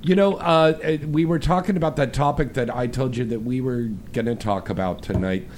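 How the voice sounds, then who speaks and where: A man's voice: medium pitch, a little fast, darkish tone, a little hiss or hum. A man hosting a live call-in radio show, chatting casually in an effusive, jokey, exclamatory way. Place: radio studio.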